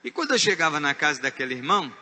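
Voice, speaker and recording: A man with a Brazilian Portuguese accent preaching a sermon as pastor. He is emphatic, swinging from hushed asides to shouted points. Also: fairly high pitch, big pitch swings, rapid-fire, in a large hall. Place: church.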